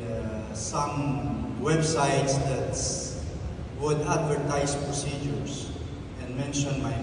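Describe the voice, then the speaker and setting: An eighty-year-old man speaks slowly at an event, pausing and restarting as he goes. His voice is fairly high for a man. It carries from a distance through a large, echoing hall with steady noise underneath. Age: 80s. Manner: unhurried, with many pauses and restarts. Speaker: plastic surgeon giving a testimonial speech. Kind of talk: rambling event speech. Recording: echoey hall, mic heard from a distance, audible noise.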